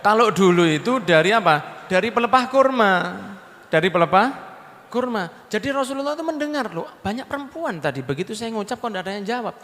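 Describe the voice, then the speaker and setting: A man preaching with a Javanese accent, his voice sitting high. He tells a story in a lively way, slipping in regional words and joking with his listeners. The sound carries the long echo of a large mosque hall. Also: a little fast. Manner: lively, mixes in regional words, jokes with the audience. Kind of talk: sermon storytelling.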